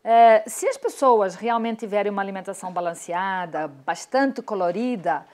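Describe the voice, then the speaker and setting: A woman's voice: medium pitch, moderate pace, darkish tone. A woman in her sixties, a nutrition doctor, explaining health advice in a confident, didactic way in a TV studio. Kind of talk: explanatory interview answers. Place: TV studio set.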